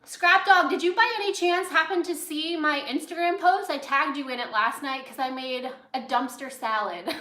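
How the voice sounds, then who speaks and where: Bright and forceful, her high voice carries as this LA-raised American chef rambles casually on her cooking livestream, drifting into tangents while she cooks. The indoor recording sounds roomy and echoey.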